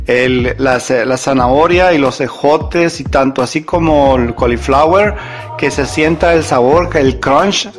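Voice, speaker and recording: Hosting a cooking show, this man speaks in a voice on the high side. He rambles in a relaxed, friendly way, addressing the viewer like a pal and frequently correcting himself mid-sentence.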